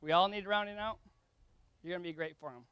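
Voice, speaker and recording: Tearful young man, bright high voice. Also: fast, clear, resonant tone, no echo. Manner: emotional, rambling, laughing between lines. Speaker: brother of the groom giving a toast. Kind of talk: wedding toast.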